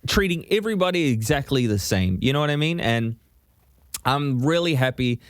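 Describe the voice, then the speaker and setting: A man's voice: medium pitch, normal speed, dry recording, studio quality. A man co-hosting a podcast, chatting casually and animatedly, swearing freely. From New Zealand. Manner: animated, swearing, frequent "you know what I mean". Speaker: podcast co-host. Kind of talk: casual chat.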